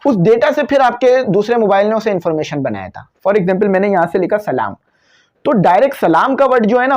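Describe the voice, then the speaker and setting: Through a cabled microphone and a muffled recording, a high-voiced man with a darkish tone and Pakistani Urdu accent lectures on physics in a classroom video. He explains with ordinary examples and shifts into English for the terms.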